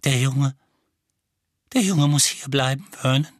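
A man voicing a tense, fearful, sharp-tongued aunt with a shrill, trembling voice in a storybook reading. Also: a little slow, dry recording, studio quality, lightly acted. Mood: flat.

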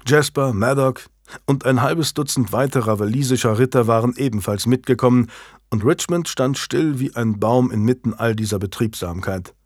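A man narrating a historical novel in a steady, measured, scripted reading. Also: medium pitch, dry recording, clean studio sound. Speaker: audiobook narrator.

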